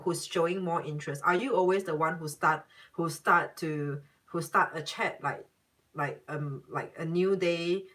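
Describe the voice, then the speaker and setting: A woman's voice: lowish voice, a bit bright, far from the mic. A woman giving a casual live-stream psychic reading to viewers. She talks in a chatty, emphatic way, repeats herself often and laughs now and then. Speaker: tarot and psychic reader answering live viewers.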